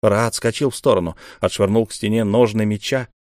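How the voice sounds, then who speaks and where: A man narrating a novel in an even, measured reading. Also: on the low side, no room sound, studio quality. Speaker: audiobook narrator. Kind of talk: scripted narration.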